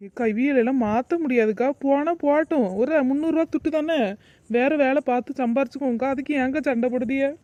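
A woman's voice: high voice, brisk, mellow, no echo, muffled recording, close to an everyday voice. A woman voicing a kind, concerned young village woman in a cartoon, coaxing. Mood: worried.

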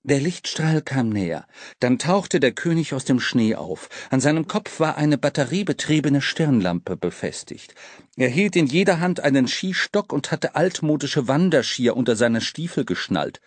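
A man narrating a children's audiobook in a lively, dramatic storytelling manner. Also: mid-range voice, normal speed, no echo. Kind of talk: scripted narration.

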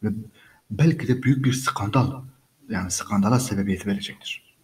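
A man's voice: fairly low pitch, moderate pace, low-quality recording. Man reading and translating a story. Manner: repeats phrases and explains each line patiently; addresses listeners as friends. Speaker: English teacher. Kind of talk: reading an English story aloud and translating it line by line.

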